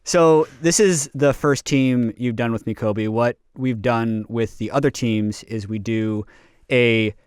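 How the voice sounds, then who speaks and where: A man's voice: medium pitch, slow, smooth, no echo, studio quality. A man hosting a podcast, chatting casually and upbeat with a guest. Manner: upbeat, conversational, reads out lists. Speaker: podcast host.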